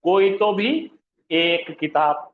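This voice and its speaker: A man teaching an Arabic grammar lesson, asking the class questions and answering them himself, and drawing out example words slowly. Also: on the high side, a little hiss or hum. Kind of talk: classroom lesson explaining pronunciation. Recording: echoey room, slightly dull sound.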